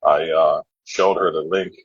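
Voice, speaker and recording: Husky low-voiced Nova Scotia man. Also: fairly even intonation, a little slow, no room sound. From Nova Scotia, Canada. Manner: earnest, reflective, repeats phrases as he thinks. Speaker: guest. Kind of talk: candid interview talk. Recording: dull, dry lo-fi sound.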